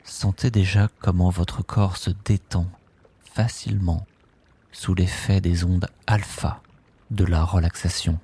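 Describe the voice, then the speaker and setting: A man leading a guided sleep meditation, speaking softly and calmly in drawn-out phrases with long pauses. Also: deep voice, slightly rough. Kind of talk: slow guided relaxation script.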